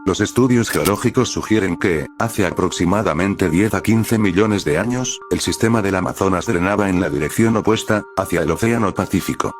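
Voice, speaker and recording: A man reading scripted nature documentary narration in a measured, explanatory storytelling manner. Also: deep voice, faint music behind.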